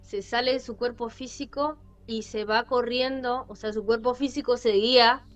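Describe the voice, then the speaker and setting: Animated Rioplatense woman telling a story. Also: a little high, moderate pace. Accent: Rioplatense Spanish. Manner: animated, repetitive, with many fillers. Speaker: podcast host. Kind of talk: casual storytelling. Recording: lo-fi with faint music.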